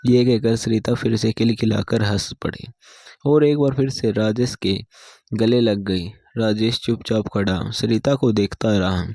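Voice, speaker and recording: Low gravelly male storyteller. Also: steady tone, measured pace, warm tone, no room sound, clean studio sound. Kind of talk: scripted story narration.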